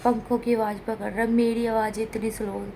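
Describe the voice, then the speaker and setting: A woman's voice: on the high side, flat delivery, fairly quick, vocal fry, warm tone. A woman from India vlogging casually at home, unwell and in pain, talking in a plain, complaining, straight-talking way. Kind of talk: casual home vlog talk. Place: home room with air conditioner running. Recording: noisy room, air conditioner hum.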